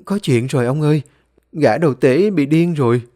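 A worried young village woman, as a male reader puts her on, her voice pitched up and pleading. She talks in quick, anxious questions with a lively rise and fall. It sounds like a read-aloud horror tale. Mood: urgent.

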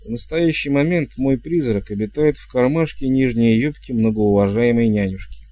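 A courtly ghost king, all ceremony and flowery phrasing, as a man reads him. The tone is dark and mellow. It is recorded close and dry, with no room around it. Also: mid-range voice, normal speed, no room sound, natural voice. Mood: formal.

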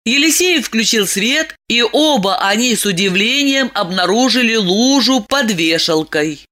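A woman reading an audiobook thriller in an expressive, animated narrating style. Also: on the high side, unhurried.

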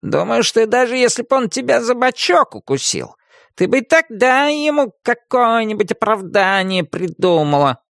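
A know-it-all storybook cat, put on by a male narrator, speaks slowly in a high, gravelly voice. He sounds pedantic and easily offended, and the recording is dry. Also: big pitch swings, fairly bright tone, no echo, full character voice. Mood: sulky.

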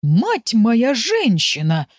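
A woman's voice: medium pitch, very animated, normal speed, darkish tone, no echo, clean studio sound, pitched above the performer's own voice, close to an everyday voice. Woman voicing a jovial village man. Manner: jovial, folksy. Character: good-natured village man, curious neighbour. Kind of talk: audiobook character voice.

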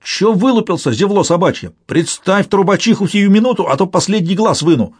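Shrill reckless teen gang leader, high girlish snarl, spits insults, voiced by a male audiobook reader, dry close sound. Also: expressive, a little fast, breathy edge, dry recording. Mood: taunting. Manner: snarling threats and crude insults. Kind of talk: audiobook character voice.

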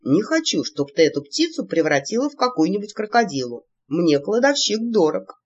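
A woman putting on a low, dry young mage guy, deadpan and slow, husky, muffled sound. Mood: dry teasing. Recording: dull lo-fi recording.

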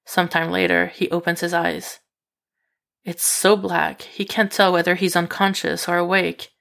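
A woman reading fan fiction aloud as steady, even narration. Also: on the low side, normal speed, creaky. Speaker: reader.

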